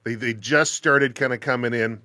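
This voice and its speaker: Man, podcast host, relaxed, conversational, mid-pitched, dry sound. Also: moderate pace, no room sound. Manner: relaxed, conversational, drifts softer in anecdotes. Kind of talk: casual interview.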